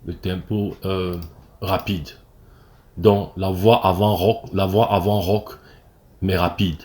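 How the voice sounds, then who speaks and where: Very low-voiced Cameroonian man coaching. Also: little pitch movement, slow, darkish tone. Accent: Cameroonian French. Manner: explains step by step, many fillers and restarts, often checks "ok?". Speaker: acting coach. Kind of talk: screen-recorded tutorial.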